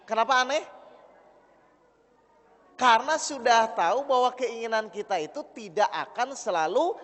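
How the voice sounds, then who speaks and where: A man's voice: extremely high pitch, moderate pace, sharp tone. A male preacher giving an interactive religious talk to a gathering of women, teasing them and asking them questions over and over. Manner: teasing, keeps questioning the audience. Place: gathering hall with an audience of women. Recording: long hall reverb.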